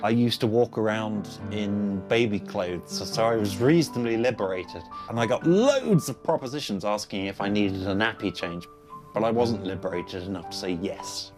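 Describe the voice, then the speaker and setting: A man's voice: fairly low pitch, lively intonation, moderate pace, music in the background. A British man in his thirties speaking dryly and frankly in an interview. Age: 30s.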